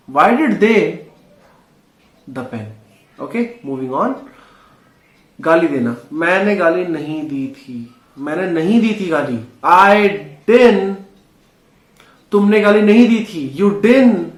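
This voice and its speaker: A man's voice: high-pitched, echoey room. A man teaching a spoken English lesson, patiently repeating drills and calling his viewers friends.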